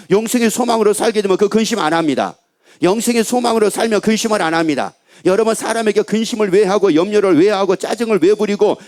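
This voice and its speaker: A middle-aged man preaching from a church pulpit in a high voice. He hammers his points home with the same questions over and over, putting them to the congregation. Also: a little mellow. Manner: repetitive rhetorical questions to the congregation. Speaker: pastor. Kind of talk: sermon.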